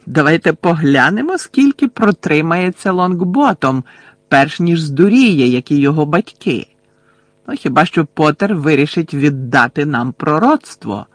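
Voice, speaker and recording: A man's voice: on the high side, fairly bright tone, no echo, full character voice. Bellatrix, a gloating cruel witch, put on by a man. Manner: gloating, drawn-out taunting. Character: cruel gleeful adult witch, woman.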